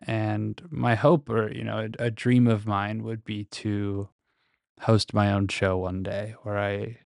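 A man's voice: lowish voice, flat delivery, slow, gravelly, darkish tone, dry recording. A man recording a casual, reflective solo podcast monologue very close to the microphone, speaking in a hesitant, introspective way. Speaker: podcast host.

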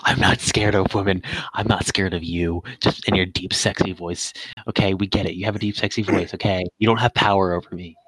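A man's voice: deep voice, fairly even intonation, brisk, few pauses, fairly bright tone, breathy edge, no echo. A young man co-hosting a casual podcast, joking and laughing as he rambles. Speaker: podcast co-host.

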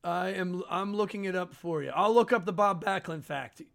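A man's voice: sits high, normal speed, gravelly, a bit bright. A man co-hosting a casual podcast watch-along, teasing his co-host and laughing often. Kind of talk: casual chat over a live watch-along.

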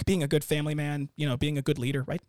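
A man talking as an interview guest, animated and rambling, restarting his sentences. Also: a little high, rapid-fire, no room sound, clean studio sound. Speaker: company founder, guest. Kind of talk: casual interview chat.

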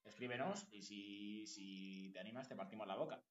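Un hombre con acento de España, copresentador de un pódcast, bromeando de forma impulsiva y malhablada. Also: male voice, fairly low pitch, moderate pace. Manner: crude, impulsive, joking. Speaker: podcast co-host. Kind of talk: joking podcast banter. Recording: roomy, dull lo-fi audio.

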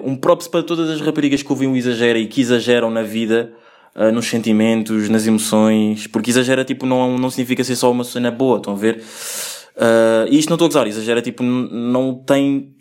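Fast-talking, slangy young man. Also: medium pitch, a little mellow. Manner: slangy, rambling, lots of swearing and filler. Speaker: podcast host. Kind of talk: casual solo podcast monologue.

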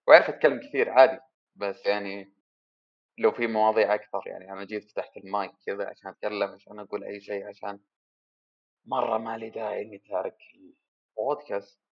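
A man muses aloud through a solo podcast, wandering from one question to the next and poking fun at himself. His voice sits a little low. The home recording sounds muffled and lo-fi. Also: vocal fry. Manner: rambling, self-deprecating, thinking aloud. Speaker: podcast host. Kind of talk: casual solo podcast monologue.

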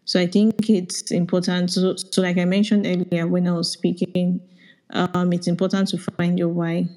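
A Nigerian woman, a product manager, giving reflective career advice in a casual audio chat, often pausing to search for words. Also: fairly low pitch, flat delivery, warm tone, low-quality recording. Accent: Nigerian English.

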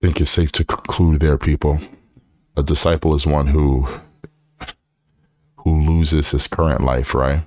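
A man's voice: rumbling low, little pitch movement, measured pace, pauses often, a little mellow, no echo, clean studio sound. A man preaching a podcast sermon, earnest and exhorting, often repeating phrases and asking "right?".

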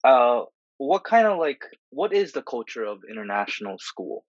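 A man's voice: medium pitch, big pitch swings, moderate pace, no echo, muffled recording. Hesitant man asking casual questions. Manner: hesitant, many fillers and restarts. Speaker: podcast host. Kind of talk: casual conversational interview.

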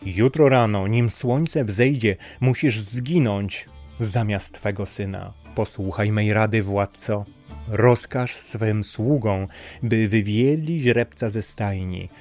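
A man voicing a scheming old sea sorcerer in a storybook, slow and persuasive. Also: on the low side, darkish tone, soft background music. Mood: sly.

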